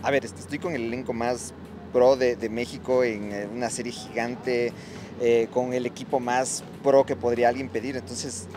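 A man in his thirties with an Ecuadorian accent, answering in a grateful, laughing way with halting restarts, outdoors into a handheld mic. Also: medium pitch, level tone, background noise. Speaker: director, guest. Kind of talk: interview answers. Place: city street outdoors. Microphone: handheld microphone held by interviewer.

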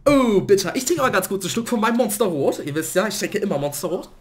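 A man commentating his own gameplay in a let's play, a little hoarse from a cold and prone to excited outbursts. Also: sits high, fast. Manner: excitable, swings to loud outbursts and laughter. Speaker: gaming let's player.

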